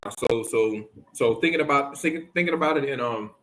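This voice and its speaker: A man's voice: medium pitch, brisk, a bit bright, slight background noise, rough recording. Bahamas-born man chatting loosely as host. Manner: rambling, many restarts and fillers. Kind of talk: casual chat.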